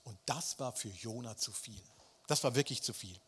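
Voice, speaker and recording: A man's voice: mid-range voice, normal speed, a bit bright, slightly rough. A man preaching a sermon, speaking emphatically and turning often to address his listeners directly. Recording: long hall reverb.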